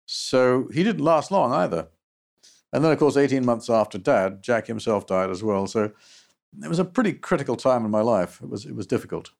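An older man, recalling his past as an interview guest in a halting, reflective way. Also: medium pitch, expressive, creaky. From United States. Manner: halting, with restarts and soft trailing endings. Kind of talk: reflective personal recollection.

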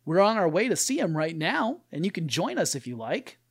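A man's voice: high voice, very animated, a little fast, breathy edge, exaggerated voice. A man voicing a young farm girl far from home, prim and incredulous, in a raised voice. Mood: earnest.

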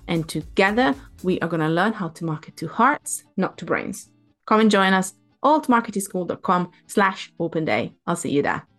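A woman's voice: fairly low pitch, expressive, normal speed, fairly bright tone, faint music behind. A woman from Italy, hosting a marketing podcast in an enthusiastic, chatty way. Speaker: podcast host. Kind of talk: upbeat podcast introduction.

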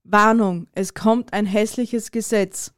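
A woman's voice: mid-range voice, fairly even intonation, takes it slowly, clear, resonant tone. A woman co-hosting a casual comedy podcast, playful and teasing, laughing a lot. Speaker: podcast co-host.

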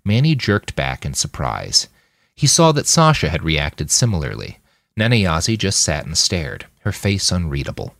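Reading from his own novel for a podcast, this man narrates fiction like an audiobook in a low voice tinged with vocal fry. Phrases come clipped and measured, delivered with drama and wide intonation swings, and the sound is close and dry without any room echo.

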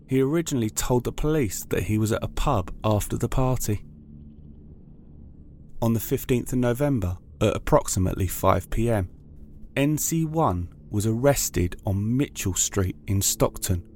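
Male narrator, medium pitch, formal scripted true-crime read, slight background noise. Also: lively intonation, moderate pace, darkish tone. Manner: formal, factual.

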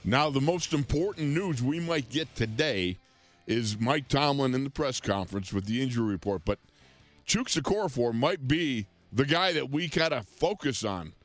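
A man's voice: mid-range voice, lively intonation, moderate pace, soft background music. A man co-hosting a sports radio show, chatty and teasing as he asks questions. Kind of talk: casual sports talk.

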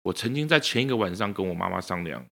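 A man, a guest calmly reflecting on his past. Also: sits low, fast talker, vocal fry. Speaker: interview guest, former inmate.

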